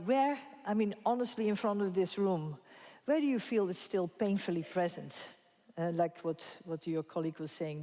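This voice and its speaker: A woman with a lowish, mellow voice moderates a conference panel in a room with an audience. She's informal and chatty, laughing easily, and the hall echoes noticeably.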